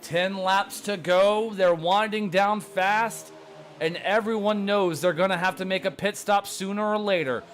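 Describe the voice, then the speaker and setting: A man giving fast, excited play-by-play commentary on a sim race, sounding breathless from calling the action. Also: high-pitched, a little hiss or hum.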